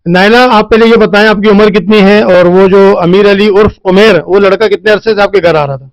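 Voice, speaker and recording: A male news reporter on location with a fairly high, light voice that he uses in a loose, conversational way, leaning on filler phrases as he lays out events. He puts his questions plainly and gently. The sound is close and dry, with no room echo. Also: fairly even intonation, highs cut off. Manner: conversational, repeats filler phrases while explaining. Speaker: field reporter. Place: on location, seated beside the interviewee.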